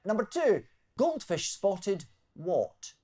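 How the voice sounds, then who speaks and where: A man hosting a comedy news quiz, reading scripted jokes with wry, deadpan timing. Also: high-pitched, slow. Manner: wry, deadpan delivery of punchlines. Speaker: quiz show host.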